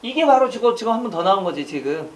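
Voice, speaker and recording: A man teaching an online exam-prep lecture, quizzing listeners with rapid rhetorical questions and casual joking asides. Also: high-pitched, very animated, slight background noise.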